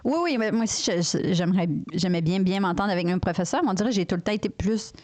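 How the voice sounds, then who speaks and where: A woman's voice: medium pitch, quick pace, darkish tone. A woman with a Québécois French accent, co-hosting a podcast in casual, rambling, playful chat. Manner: rambling, playful, circles back on her thoughts. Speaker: podcast co-host.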